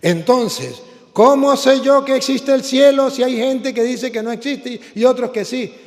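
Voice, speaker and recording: Priest, forceful repetitive preaching, high voice in a reverberant church. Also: male voice, measured pace. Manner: emphatic, repeats lines for the congregation. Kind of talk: sermon.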